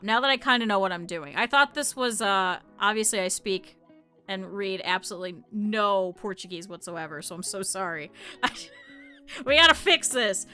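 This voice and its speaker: A woman's voice: on the high side, pushed and bright. An American woman streaming in casual chat, swearing freely and laughing often. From United States.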